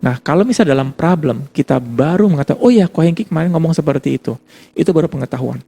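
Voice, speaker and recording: A man's voice: a little high, animated, fast, gravelly, warm tone, husky, soft background music. A male pastor giving a casual, conversational sermon, repeating his points for emphasis. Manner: casual conversational preaching with repetition.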